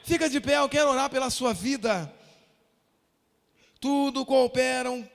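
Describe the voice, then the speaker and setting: A man with a Brazilian Portuguese accent preaching a fervent sermon as pastor, repeating phrases and building to shouts, recorded in a church hall. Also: very high voice, lively intonation, fairly quick. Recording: long echo of a church hall.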